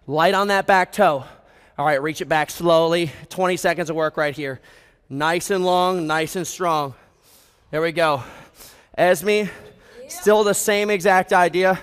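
A young American man with a high, clear voice leads a workout like a hyped gym bro. He fires out motivational cues and countdowns while working hard himself, his voice ringing through a big reverberant hall. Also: measured pace, fairly bright tone. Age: 20s. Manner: exerting himself while talking. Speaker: fitness instructor leading a group workout. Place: large brick warehouse gym, indoors. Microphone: headset.

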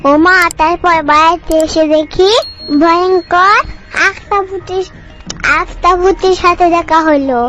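In comic cartoon dialogue, a bossy little girl's very high voice, steady and a little slow, self-assuredly tells absurd tall tales while scolding like a child. The mood is earnest and dramatic, and the lo-fi audio is dull, with music in the background.

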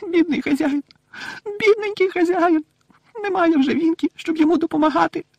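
A man voicing a weepy, loyal female house-elf who talks in a shrill voice with broken grammar in an audiobook. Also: moderate pace, no room sound. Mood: shrill upset.

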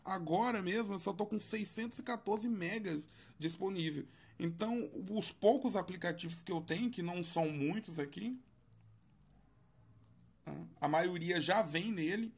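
A man casually reviewing a smartphone for his vlog, talking in a chatty, halting way with frequent tag questions. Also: high-pitched. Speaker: tech reviewer.

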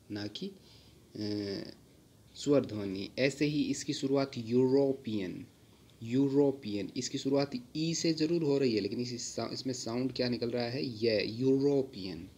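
Male tutor, unhurried explainer, patient, repeats key words, faint hiss behind. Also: mid-range voice, a little mellow. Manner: patient, repeats words slowly with many fillers. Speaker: English grammar teacher. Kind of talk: slow explanatory lesson.

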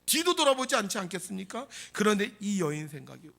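A male pastor delivers a dramatic sermon, firing off rhetorical questions. His voice sits high and bright and swoops widely in pitch. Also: very animated, fast, vocal fry.

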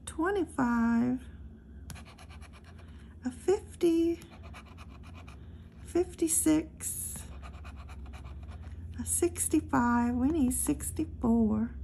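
Slow, gravelly woman reading numbers. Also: high voice, slight background noise. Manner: slow, steady number-by-number commentary. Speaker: lottery scratch-off channel host. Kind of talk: casual narration reading numbers.

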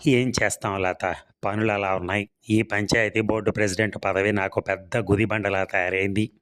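A man's voice: fairly low pitch, flat delivery, moderate pace, fairly bright tone, no room sound, natural voice. A man reading a storybook serial, voicing a charming, manipulative village landlord who laughs things off. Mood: coaxing. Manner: smooth, coaxing, laughs things off.

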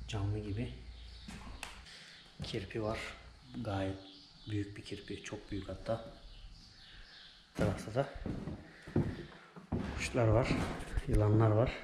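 A man's voice: lowish voice, flat delivery, takes it slowly, long pauses. Young guy filming a museum walkthrough on a handheld camera, roomy echo, lots of noise. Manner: listing exhibits in short bursts. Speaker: travel vlogger. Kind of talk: casual guided walkthrough. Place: small museum exhibit hall indoors. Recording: echoey room, noisy background.

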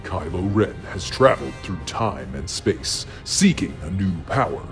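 Grand male parody-film narrator acted by a man: low, measured, portentous delivery over music. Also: sing-song, creaky, full character voice. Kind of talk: scripted trailer-style parody narration.

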